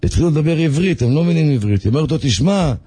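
A man telling a story on the radio in a lively, animated way, repeating words for effect. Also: fairly high pitch, husky, no echo.

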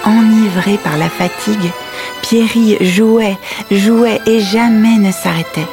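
A woman's voice: mid-range voice, slow, music in the background. A woman playing a patient, tender mother who tells her children a fairy tale at bedtime. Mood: gentle storytelling. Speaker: storyteller. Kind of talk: audio story, bedtime storytelling.

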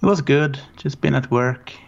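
Gravelly man, forties, from Norway, flat tone, relaxed rambling talk, muffled lo-fi audio. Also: mid-range voice, moderate pace. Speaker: guest. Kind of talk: casual interview.

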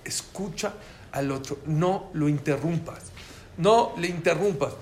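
A man with a Mexican accent giving a lively talk to an audience, asking them questions as he goes. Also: a little high, a little slow. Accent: Mexican Spanish. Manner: animated, asks the audience questions. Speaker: lecturer giving a talk on listening. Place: room with a live audience. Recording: echoey room with faint ambient noise.

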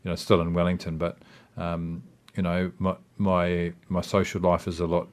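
A man's voice: deep voice, completely flat delivery, moderate pace. A man with a New Zealand accent giving a casual interview as a guest, rambling reflectively with plenty of hesitations and filler phrases. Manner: hesitant, rambling, reflective, with frequent "you know" and "I mean".

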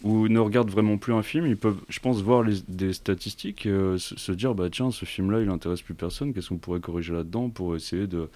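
A man with a low voice talks as a guest on a casual podcast. He pauses often on fillers and makes his points in blunt street slang. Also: dark tone.

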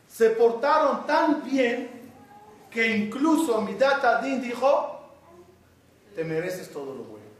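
A man giving a sermon as a rabbi, telling stories and acting out quotes with lively humor. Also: sits high. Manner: animated storytelling with acted quotes and jokes. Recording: echoey hall, mic far off.

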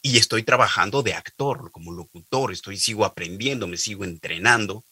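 Middle-aged male voice actor, lowish and very forceful, anecdotal interview guest. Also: brisk, slightly rough, no room sound. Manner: lively anecdotal, repeats words while thinking. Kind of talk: interview storytelling.

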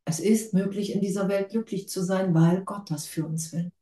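A woman's voice: mid-range voice, steady tone, moderate pace, warm tone, reverberant. A woman giving a spiritual talk to a group, casual and enthusiastic, laughing often. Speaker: spiritual teacher.

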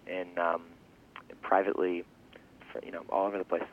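A young man with a fairly low voice answers interview questions casually. He speaks haltingly, working out his thoughts aloud and circling back over words. The sound is narrow and thin, like a telephone line. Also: flat delivery, a little hiss or hum. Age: 20s. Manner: halting, thinking aloud with restarts and repeated words. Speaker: interview guest, farm founder and language teacher.

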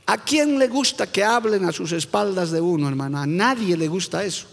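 Bolivian man, pastor, emphatic sermon, high voice, echoey church hall. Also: expressive, moderate pace, creaky. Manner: emphatic preaching, constantly calls listeners "brother".

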